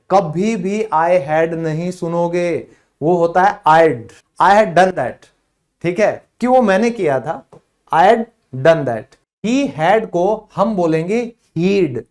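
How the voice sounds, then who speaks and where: Teaching spoken English, this Indian-accented man, whose first language is Hindi, speaks in a high-sitting, slightly mellow voice. His explanations are in Hindi, while short English phrases are said slowly.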